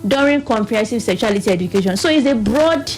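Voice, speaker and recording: With a quick, expressive delivery and a fairly high, darkish voice, this Nigerian-accented woman appears as a radio panel guest representing a youth reproductive health group. She explains earnestly and keeps putting other people's questions into words as she goes.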